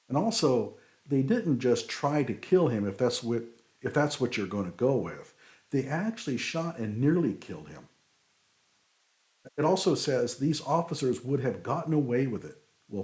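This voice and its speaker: In casual commentary on his own show, a technical writing consultant critiques a legal document, explaining his opinions and leaning on frequent fillers. His mid-range voice has a darkish tone.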